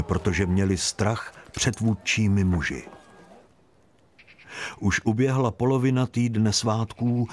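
A man narrating a Bible story in a steady, even storytelling voice. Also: lowish voice.

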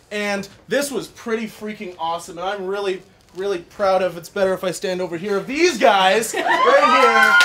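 A man's voice: high voice, very noisy. A man giving a casual, jokey, rambling closing speech to an audience as the stage director of a show. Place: live venue with an audience.

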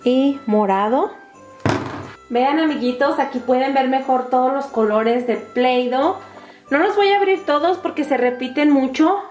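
A woman with a Latin American Spanish accent hosting a children's toy video in a bright, sing-song, excited manner. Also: sits high, a little slow. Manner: bright, sing-song, excited, addressing little viewers with diminutives. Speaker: host of a children's toy channel. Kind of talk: toy unboxing and craft narration for children. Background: background music.

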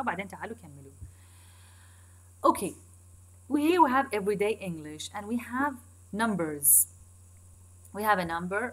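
A woman with an Iraqi Arabic accent giving a recorded English lesson, switching between Arabic and slow, deliberate English and repeating key points to her students. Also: lowish voice, a bit bright. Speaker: English teacher. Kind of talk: recorded online lecture.

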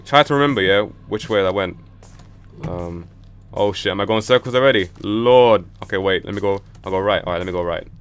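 A man's voice: on the low side, fairly quick, clean tone. A man hosting a gaming channel, giving jumpy live commentary on a horror game and cursing as he goes. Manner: jumpy, swearing, talks to himself while playing. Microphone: headset with headphones in. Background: horror game music.

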